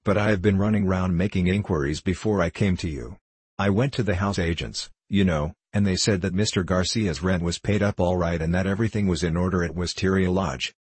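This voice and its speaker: A stout, respectable gentleman, voiced by a male reader complains in a pompous, indignant manner. The voice is low and husky. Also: fairly quick, no room sound.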